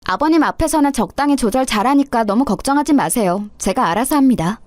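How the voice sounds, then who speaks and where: A woman's voice: on the high side, lively intonation, fast talker, darkish tone, no room sound, studio quality, natural voice. A woman voicing an insolent young daughter-in-law who talks with sarcastic, overly polite mockery. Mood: defiant.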